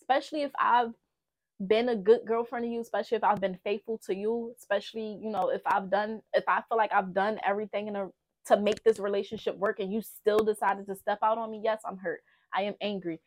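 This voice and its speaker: A woman's voice: mid-range voice, steady tone, fast. A woman hosting a podcast, giving blunt, profane relationship advice in a casual, emphatic way, speaking. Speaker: podcast host. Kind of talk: candid relationship talk.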